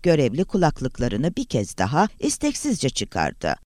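Expressive male audiobook narrator. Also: on the high side, a little slow, no echo, clean studio sound. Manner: dramatic, expressive reading. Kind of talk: scripted narration.

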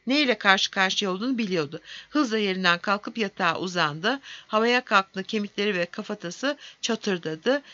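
Bright-voiced woman reading a fantasy story. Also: mid-range voice, dry recording, highs cut off. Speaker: narrator. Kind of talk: audiobook narration.

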